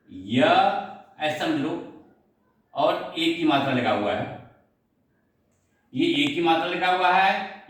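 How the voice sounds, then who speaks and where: A man's voice: on the high side, fairly bright tone. A man teaching Sanskrit grammar, explaining step by step, spelling out syllables and asking his students questions. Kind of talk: slow classroom explanation. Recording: echoey room, voice from far off.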